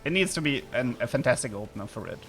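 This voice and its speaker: This southern German streamer talks with his viewers and commentates his game, his German accent clear and his excitement spilling out suddenly. He is a fast talker with a medium-pitched voice, and faint music plays behind him.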